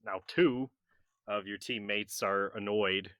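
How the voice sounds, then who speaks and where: Guy gm for a tabletop game, slow and halting, lots of ums, dry close mic. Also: lowish voice, a bit bright, dry recording. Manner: laughing, halting narration with many fillers. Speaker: game master.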